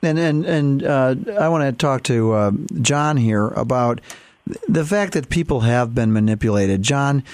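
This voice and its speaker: A man hosting a talk show, speaking haltingly with many fillers and restarts. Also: mid-range voice, lively intonation, a little mellow. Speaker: host.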